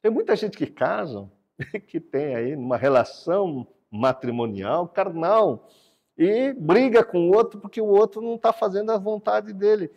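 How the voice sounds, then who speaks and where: A man giving a sermon-like talk about the brain and God, explaining a drawing with animated delivery and repeating words for emphasis. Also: high-pitched, unhurried, long reverb tail, highs cut off. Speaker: speaker teaching brain science and faith.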